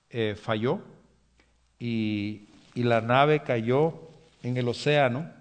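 A man preaching a sermon, pausing on fillers and restarts and dropping soft at the ends of lines, by his own account a hasty person. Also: medium pitch. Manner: self-described hasty.

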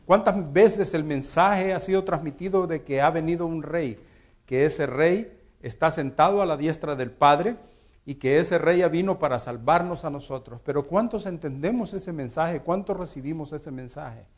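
Male preacher, earnest sermon delivery, slightly high pitch. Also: moderate pace. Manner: earnest preaching with rhetorical questions and swings in loudness.

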